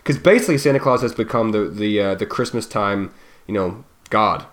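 Low-voiced man in easygoing chat. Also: a little fast. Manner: musing, trails off and restarts. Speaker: podcast co-host. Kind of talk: casual chat.

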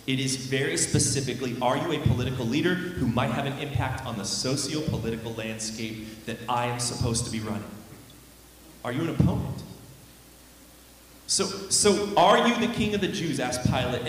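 A man preaching a sermon as pastor, emphatic, slowing down and speeding up to stress his points. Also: high voice, slight background noise. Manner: emphatic, varies pace and loudness for stress. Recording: very echoey hall with long reverb.

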